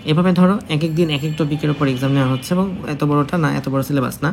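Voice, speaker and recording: A man's voice: fairly high pitch, very fast, darkish tone, a little hiss or hum. A man teaching an exam-prep lesson in a chatty way, speaking straight to the student and repeating key points. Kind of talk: casual spoken lesson.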